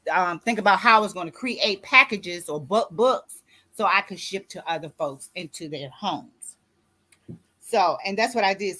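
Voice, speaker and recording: A woman's voice: medium pitch, sharp tone. Woman in her 60s giving a pep talk to writers, preachy, keeps checking ppl are following. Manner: preachy, repeats "you see what I'm saying". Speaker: contributing author and grief coach. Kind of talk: motivational talk.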